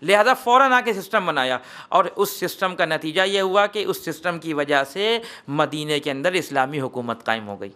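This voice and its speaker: A man with an Indian Urdu accent delivering a religious lecture in a hall, rhetorical, climbing to emphatic peaks and then dropping low. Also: expressive, few pauses, bright, forceful tone. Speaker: Shia cleric giving a majlis lecture.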